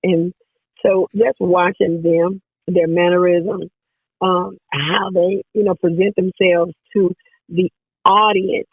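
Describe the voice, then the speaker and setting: A woman singer with a hoarse, raspy voice, chatting casually as an interview guest and laughing often. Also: lowish voice, level tone, slow, dry recording. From Jackson, Tennessee area, US South. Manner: laughs often, repeats herself. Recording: dry phone-like line.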